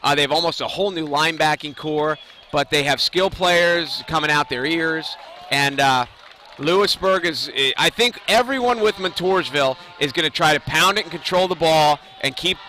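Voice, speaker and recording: A man's voice: fairly high pitch, moderate pace, sharp tone, slight background noise. A man giving casual live football commentary outdoors in a conversational, rambling way. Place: outdoors at a high school football field.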